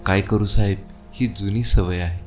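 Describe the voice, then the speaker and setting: A meek neighbour answers the inspector humbly and apologetically, read by a man. His voice is low, with faint music behind. He sounds timid and submissive. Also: fairly even intonation, normal speed, close to an everyday voice. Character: meek neighbour, heavy snorer, humble before authority.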